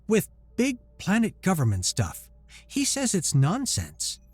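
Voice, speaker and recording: A man voicing an earnest, blunt little girl in a sci-fi audio story, speaking slowly and seriously. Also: high voice, wildly swooping pitch, darkish tone, husky, no room sound, soft background music, pitched above the performer's own voice, exaggerated voice.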